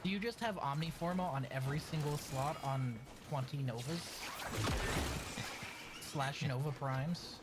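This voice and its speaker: A streamer hosting casual gaming chat. The talk is playful and teasing, with loose swearing. Game sounds run clearly behind the voice. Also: mid-range voice, measured pace, very noisy. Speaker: streamer and host. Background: video game sounds.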